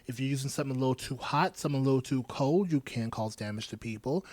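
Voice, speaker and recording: A man's voice: on the high side, dry recording. A man co-hosting a podcast in casual chat, joking and trailing off into fillers. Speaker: podcast co-host.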